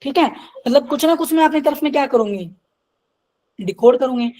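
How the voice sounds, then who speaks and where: Woman teaching slowly in an online lecture. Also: high voice, animated, warm tone, poor audio. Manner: mixes Hindi with slow English definitions; asks checking questions. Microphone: video call.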